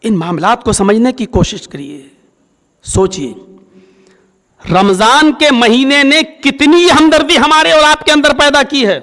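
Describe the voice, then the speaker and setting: A male Islamic preacher giving a sermon, telling a story and acting out its dialogue with swings in pitch. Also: measured pace, fairly bright tone, big-room sound. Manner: storytelling, acts out dialogue with rising and falling pitch.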